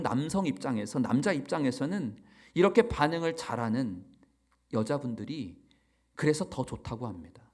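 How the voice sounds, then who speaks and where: A male pastor from Chungcheong delivers a sermon with a lively, swinging delivery. His voice sits a little high for a man, and he tells stories along the way. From Chungcheong, South Korea. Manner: animated storytelling preacher, lively and expressive.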